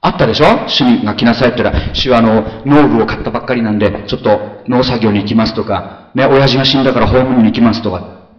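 A man preaching a sermon as pastor, animated, swinging between soft asides and loud exclamations, often asking his listeners questions. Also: mid-range voice, fast, reverberant, highs cut off. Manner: conversational, asks the congregation questions.

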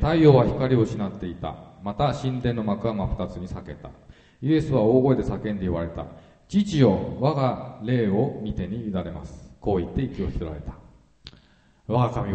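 Man, pastor, sermon, reads scripture, explanatory, fillers, mellow voice, roomy hall echo. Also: lowish voice, muffled recording. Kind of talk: sermon with Bible reading.

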